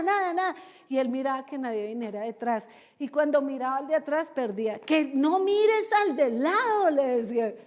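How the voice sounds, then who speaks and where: A woman pastor preaching a sermon in a lively, theatrical way, acting out the people she talks about. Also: sits high. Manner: lively, theatrical, acts out characters. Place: large church hall. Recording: long reverb of a big church hall.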